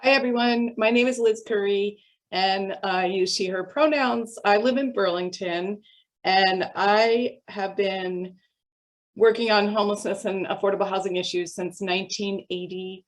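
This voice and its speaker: A woman's voice: medium pitch, fairly even intonation, moderate pace, rough recording. An older woman, a housing consultant, introducing herself in a thoughtful, earnest way on a video call. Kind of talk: online community meeting introduction.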